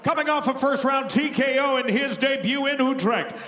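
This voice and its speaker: A man working as a ring announcer, booming out fight introductions with theatrical, drawn-out delivery. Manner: theatrical, drawn-out shouted name calls. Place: large indoor arena. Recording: echoey arena PA with long reverb.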